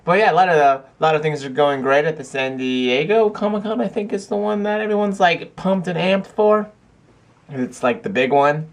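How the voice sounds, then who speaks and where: A man's voice: a little high, moderate pace. A young man chatting casually to camera in a video blog at home, rambling with lots of fillers and restarts. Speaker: vlogger. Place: cold house.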